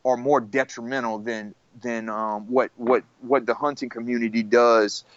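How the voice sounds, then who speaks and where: A man's voice: mid-range voice, steady tone, moderate pace, dry recording, lo-fi sound. A man talking casually on a podcast, rambling with many restarts and fillers. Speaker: podcast guest. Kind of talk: casual conversation.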